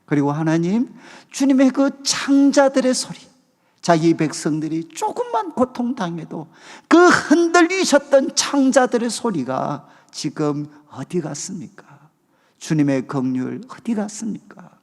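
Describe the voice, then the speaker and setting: Impassioned high-voiced male pastor in a hall. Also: big pitch swings, unhurried. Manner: impassioned, swings from hushed to loud pleading. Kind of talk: sermon. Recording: long hall reverb.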